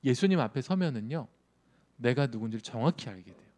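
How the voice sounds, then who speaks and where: Speaking fast and expressively in a darkish, mid-range voice, a male youth pastor delivers a conversational sermon. He keeps turning to his listeners with questions.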